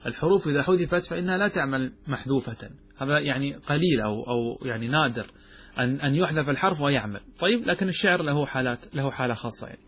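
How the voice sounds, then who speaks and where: A man with a husky voice gives a grammar lesson to a class. He explains each point step by step and keeps putting questions to his students before answering them himself. His voice sits in the middle of the range for a man. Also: medium pitch, fast talker, fairly bright tone. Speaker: grammar teacher.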